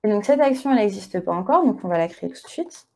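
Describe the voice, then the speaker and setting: A woman's voice: mid-range voice, animated, fast, gravelly, warm tone. A woman giving a tech conference talk with a live coding demo, chatty and casual, marking each step with little filler words. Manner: casual, chatty, punctuates steps with "hop" and "voilà". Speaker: conference speaker.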